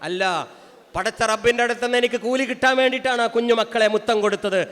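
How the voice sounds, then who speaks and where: A man speaks at a family gathering in a strikingly high voice. He preaches with fervour, repeating his points and firing rhetorical questions at the crowd. His voice rings out with a long reverb, as if filling a large hall. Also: fairly even intonation, fast, fairly bright tone. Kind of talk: impassioned public speech.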